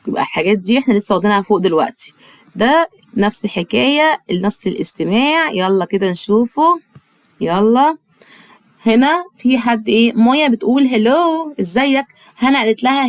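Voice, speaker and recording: A woman with an Egyptian Arabic accent teaching English to young children in an online lesson, speaking affectionately and slowing down to drill words for repetition. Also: mid-range voice, dry recording. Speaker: primary school English teacher.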